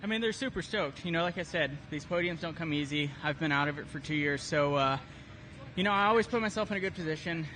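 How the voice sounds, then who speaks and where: A man speaks as a racer in a casual post-race interview. His voice sits slightly high and his manner is frank and matter-of-fact. Vehicle and outdoor noise are clearly heard. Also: fast talker, bright, forceful tone.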